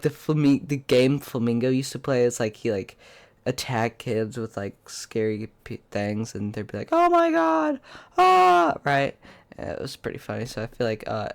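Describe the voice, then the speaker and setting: A young man with a congested, pinched-nose voice from a cold, giving rambling, blunt, casual commentary as a YouTuber. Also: medium pitch. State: sick with a cold. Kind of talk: casual opinionated video commentary.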